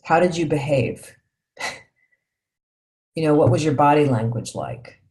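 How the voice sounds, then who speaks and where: A woman with a low, expressive, slightly mellow voice leads a parenting workshop at an unhurried pace. She teaches reflectively, tagging her points with "right?" and posing guiding questions to her listeners.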